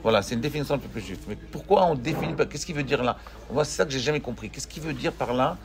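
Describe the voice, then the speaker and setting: A man teaching a Torah class, animated, asking his students questions and joking with them. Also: mid-range voice, fast talker, gravelly.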